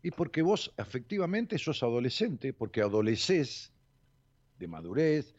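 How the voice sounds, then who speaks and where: Blunt Argentine man with a husky voice. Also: mid-range voice, darkish tone. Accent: Argentine Spanish. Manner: blunt, emphatic, swears, presses with repeated questions. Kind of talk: confrontational one-on-one counseling session. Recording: dull lo-fi sound.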